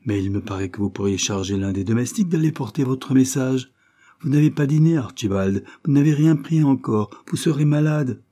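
A man voicing a sharp-tongued older spinster sister in an audiobook reading, with a tart, brisk delivery. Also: mid-range voice, lively intonation, pitched above the performer's own voice, natural voice. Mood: scolding.

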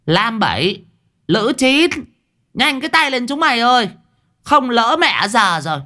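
A man voicing a bossy old village woman, shouting orders in a shrill, hurried way. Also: very animated, heavily acted. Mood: shrill, urgent. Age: older. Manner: shrill and hurrying.

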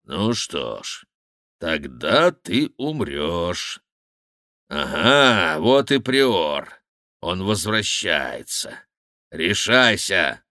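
Man doing a fat mocking monk, loud and preachy, slow forceful delivery, bright tone, audiobook. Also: sits low, animated, dry recording, clean studio sound, heavily acted. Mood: menacing. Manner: bellowing, scornful, preaching. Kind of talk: audiobook character reading.

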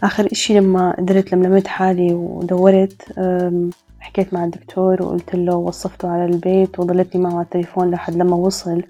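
A woman tells a personal story in a reflective, hesitant way. Her voice is low and mellow, and her level, flat delivery moves quickly. Soft music plays faintly behind her. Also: highs cut off. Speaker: storyteller guest.

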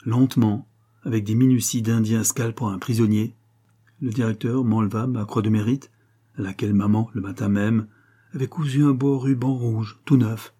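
A man narrating a literary story aloud, in an expressive, dramatic reading style. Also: lowish voice, moderate pace, slightly rough. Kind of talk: scripted audiobook narration.

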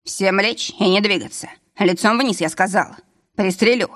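A woman's voice: mid-range voice, normal speed, a bit bright, close to an everyday voice. A brutal masked gunman in a storybook who barks short, threatening orders. His voice stays close to the reader's own, as a woman plays him.

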